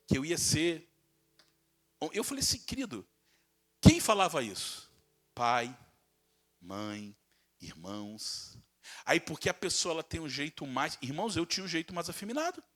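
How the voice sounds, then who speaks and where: A male pastor with a slightly high, very animated voice preaches a sermon at normal speed, pausing often. He keeps putting rhetorical questions to the congregation, acts out quoted insults, and stretches words as his volume rises and falls.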